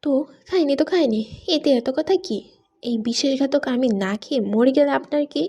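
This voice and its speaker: A woman reading the part of a proud, sharp-tongued young wife in an audiobook, speaking with indignant, biting retorts. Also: high-pitched, normal speed. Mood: sulky.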